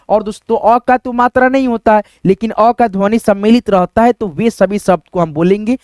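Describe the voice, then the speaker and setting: A male teacher giving a casual writing lesson, explaining slowly step by step and asking questions that he answers himself. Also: high-pitched, a little mellow, no echo, studio quality. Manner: explains slowly and step by step, says "friends" often, asks then answers himself.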